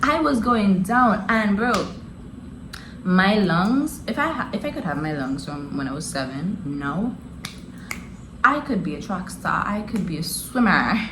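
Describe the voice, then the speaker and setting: A woman's voice: medium pitch, lively intonation, unhurried, roomy sound, noisy background. A young adult woman telling a story in a casual, slangy way and laughing often as she goes. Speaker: vlogger.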